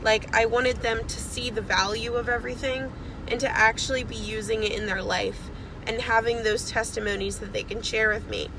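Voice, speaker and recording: Recorded on a phone inside a car with the AC on, this casual video message comes from a young network marketing seller recovering from a cold. Her fairly high, fairly evenly inflected voice moves at normal speed as she chats and rambles, filling gaps with lots of fillers over a noisy background.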